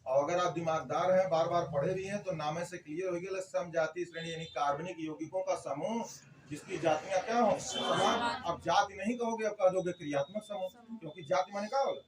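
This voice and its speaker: A man's voice: high-pitched, a little fast, far from the mic, crowd noise. A man teaching a chemistry class, quizzing the students and answering his own questions. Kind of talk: classroom lecture.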